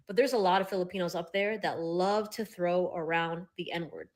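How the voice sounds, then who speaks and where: A woman's voice: on the low side, steady tone, normal speed. A woman giving a blunt, profane, emphatic rant straight to camera as a social media commentator.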